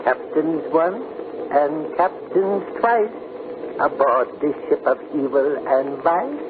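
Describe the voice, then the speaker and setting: An actor playing a grizzled, gruff old sailor who speaks in cryptic, ominous rhymes in a 1940s radio drama. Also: male voice, a little high, lively intonation, slow pace. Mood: ominous warning. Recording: scratchy, tinny 1940s radio broadcast.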